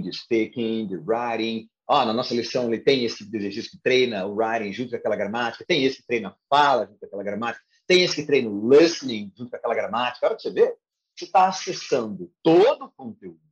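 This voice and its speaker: A man with a Brazilian Portuguese accent, explaining language learning with emphatic, animated speech in a podcast interview. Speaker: language coach. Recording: muffled low-fidelity audio.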